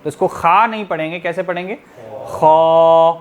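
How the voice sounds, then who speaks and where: A man's voice: on the high side, fairly quick. A man teaching tajweed to a class, patiently explaining and demonstrating each letter sound. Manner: patient, explanatory, often checking in with "theek hai".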